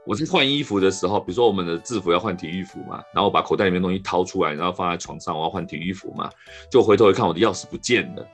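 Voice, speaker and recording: A man with a Taiwanese Mandarin accent hosting a podcast, telling a rambling, animated story in casual chat. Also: low-pitched, racing, slightly rough, soft background music. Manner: rambling, animated anecdote with restarts. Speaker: podcast host.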